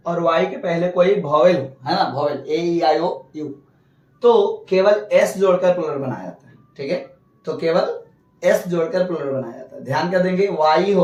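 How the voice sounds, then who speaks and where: A man's voice: fairly high pitch, darkish tone, roomy sound, distant mic, highs cut off. A male teacher explaining English grammar rules, asking questions and answering them himself. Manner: repeats rules, asks and answers own questions. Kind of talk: classroom lesson.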